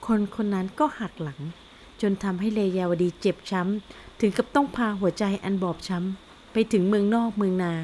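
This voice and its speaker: A woman narrates an audio novel with a steady, even storytelling delivery. Her voice sits in a middle range, neither high nor low. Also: moderate pace, a little hiss or hum.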